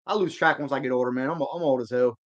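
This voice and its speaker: With a medium-pitched voice and fast speech, the man from Georgia runs a live sports stream, answering viewers' comments casually. His talk is slangy, laid-back, and rambling with restarts, and the recording sounds muffled.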